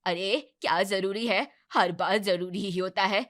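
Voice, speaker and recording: A woman voicing a sharp-tongued, middle-aged mother-in-law in an animated family drama, speaking in a harsh and dismissive way. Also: mid-range voice, unhurried, lightly acted. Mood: scolding.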